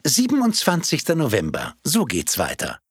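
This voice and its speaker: Man doing a calm, composed woman. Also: on the high side, slightly rough, dry recording, clean studio sound, voice pushed up, full character voice. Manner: calm, measured, precise.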